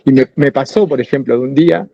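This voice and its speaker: A man's voice: mid-range voice, fast, creaky, dark tone, dull audio. A man with a Rioplatense Spanish accent talking casually on a podcast, rambling through ideas with many restarts. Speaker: podcast co-host.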